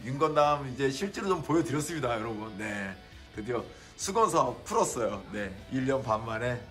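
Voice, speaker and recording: A man hosting a casual vlog, slowly walking through a display of his own builds and admiring them, with many filler words. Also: mid-range voice, big pitch swings, a bit bright, soft background music. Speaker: model builder and channel host. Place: indoor exhibition cafe.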